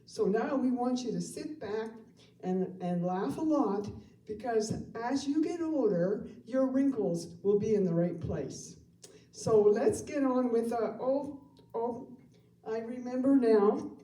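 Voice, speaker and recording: A woman in her seventies hosting a live variety show, delivering slow, deliberate one-liners between acts. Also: a little high, lively intonation, mellow. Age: 70s. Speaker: show host and emcee. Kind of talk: live stage emcee patter with jokes. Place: performance hall for a live audience. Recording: roomy hall, mic from a distance.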